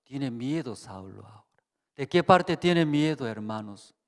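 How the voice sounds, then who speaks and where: A man preaching at a Bible seminar, halting and repetitive, constantly checking in with the congregation. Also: mid-range voice, lively intonation, big-room sound. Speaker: pastor. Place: church hall.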